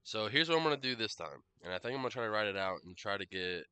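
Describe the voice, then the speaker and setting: A man streaming a game in casual live commentary, rambling and hesitant with many fillers and self-corrections, coughing and clearing his throat now and then. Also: on the low side, expressive, rapid-fire, sharp tone.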